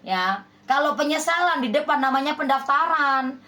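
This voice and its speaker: Woman, high voice, spiritual reader; speaks to the viewer with emphasis, scolding and persuasive. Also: lively intonation, moderate pace, sharp tone. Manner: emphatic, repeats rhetorical questions like "ya kan?". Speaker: spiritual healer giving love readings. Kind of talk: direct address to viewers, relationship reading.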